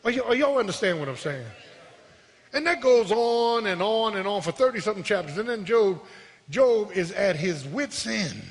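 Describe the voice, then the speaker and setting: High-voiced shouting preacher, gravelly. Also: male voice, lively intonation, normal speed. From South Philadelphia. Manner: call-and-response preaching, repeats words, rising to shouts. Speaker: pastor. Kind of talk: sermon. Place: church sanctuary. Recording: long hall reverb.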